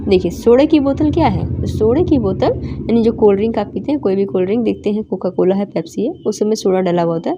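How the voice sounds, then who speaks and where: A woman's voice: mid-range voice, warm tone, a little hiss or hum. A woman teacher reading a lesson aloud to children and explaining it line by line, in a slightly dull recording. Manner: reads aloud and explains, with "देखिए" asides.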